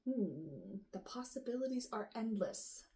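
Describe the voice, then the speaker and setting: A woman hosting a knitting show, sorting yarn and thinking aloud in a casual, unsure way, with a rough morning voice. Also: a little high, sing-song, a little slow, warm tone. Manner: musing aloud, unsure, lots of ums and trailing off. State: rough morning voice with the odd cough. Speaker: knitting podcast host.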